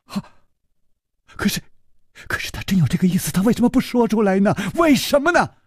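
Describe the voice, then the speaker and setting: A man's voice: high-pitched, sing-song, brisk, breathy edge, dry recording, studio quality, pitched above the performer's own voice, full character voice. A male storyteller voicing a timid young male servant who stammers and pleads tearfully. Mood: tearful, stammering. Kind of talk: storytelling with character voices.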